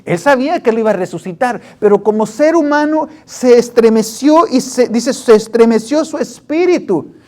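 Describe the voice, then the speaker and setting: A woman's voice: fairly high pitch, lively intonation, normal speed, hardly any pauses, mellow. A woman preaching a sermon in a conversational way, retelling stories and scripture and constantly addressing her listeners as brothers. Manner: retells anecdotes and scripture with frequent restarts.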